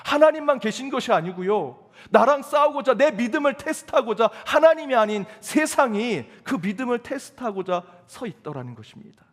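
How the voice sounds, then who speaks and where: Man, pastor, emphatic sermon delivery, rhetorical questions, church sanctuary, long hall reverb. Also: high voice.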